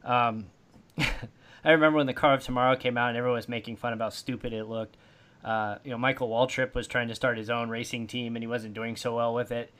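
A man's voice: mid-range voice, flat delivery, a little fast, fairly bright tone. A man hosting a casual sports podcast, laid-back and teasing. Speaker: podcast host.

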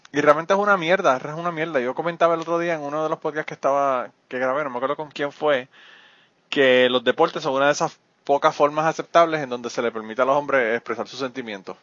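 A man's voice: medium pitch, a bit bright, no room sound, highs cut off. Frank man hosting a podcast. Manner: frank, swears casually, reflective. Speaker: podcast host. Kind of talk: candid interview chat.

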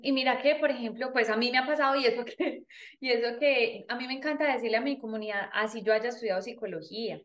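A woman's voice: on the high side, fast. A woman hosting a casual interview, reacting with enthusiastic agreement. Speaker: host. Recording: echoey room.

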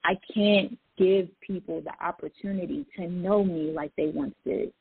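A woman's voice: lowish voice, fairly even intonation, normal speed, vocal fry, husky, no room sound. Woman poet and speaker, casual reflective talk, dry close sound through a phone-like line. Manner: reflective, many "like" fillers. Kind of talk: casual conversation.

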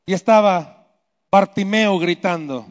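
A man preaching a sermon, swinging between loud emphatic lines and hushed low ones. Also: takes it slowly. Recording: echoey hall, dull lo-fi sound.

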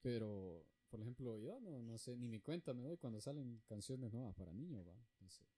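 A man's voice: medium pitch, animated, moderate pace, mellow, breathy edge. A man co-hosting a casual chat in a laid-back way, mostly answering in short replies. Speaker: podcast co-host.

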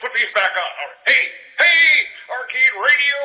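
A man's voice: very high voice, lively intonation, normal speed, sharp tone. A man leaving a joking, rambling voicemail for a radio show, heard played back as a recorded message with many fillers. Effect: voicemail message played back on air. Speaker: caller. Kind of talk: casual voicemail. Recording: dull, echoey voicemail line.

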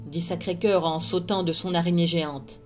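A woman, a librarian, reading a children's storybook aloud with measured, expressive narration. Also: on the low side, faint music behind.

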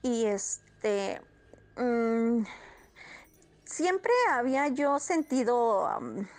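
A woman tells a personal story casually, full of fillers and restarts. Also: fairly high pitch. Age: 30s. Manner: rambling, many fillers and restarts. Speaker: guest storyteller.

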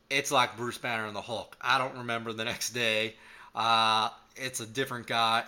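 A man co-hosting a casual podcast chat, telling playful, self-mocking stories and now and then shouting out catchphrases. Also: medium pitch. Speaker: podcast co-host.

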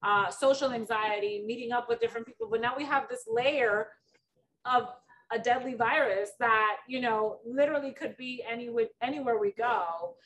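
A middle-aged woman from the Dominican Republic hosts a casual podcast interview, chatty and full of stories, with many fillers. Her voice is fairly high and a bit bright, at a moderate pace. The mic is distant, with faint background noise.

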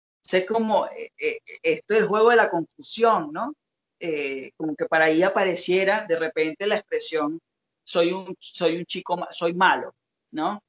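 Guy with a kinda high voice, thinking out loud, lots of ehs and pauses. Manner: reflective, hesitant with many fillers. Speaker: co-host analyzing song lyrics. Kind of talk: casual analytical discussion.

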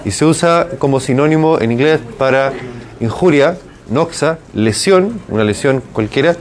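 A man's voice: on the high side, expressive, moderate pace, a little hiss or hum. A man with a Chilean accent teaching a hybrid university class, drilling pronunciation by repeating words and often asking for agreement. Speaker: university lecturer.

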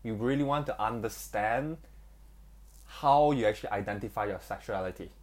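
Young man, podcast co-host, somewhat low voice, casual chat, lots of fillers. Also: moderate pace, darkish tone. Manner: chatty, many fillers and restarts.

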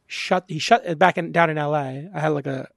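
Gravelly, rambling podcast host man. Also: a little high, normal speed, no echo, clean studio sound. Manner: rambling, animated, swears casually. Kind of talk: casual conversational interview.

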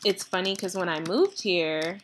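A woman's voice: fairly low pitch, measured pace, slight background noise. A woman interviewing guests in a casual chat, telling stories animatedly and acting out what people said. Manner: animated storyteller, mimics voices with laughter.

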